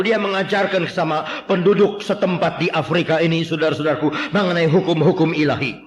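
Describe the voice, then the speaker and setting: A man preaching a sermon, telling stories with humor and shouting quoted lines. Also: fairly high pitch, slight background noise. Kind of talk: sermon with storytelling.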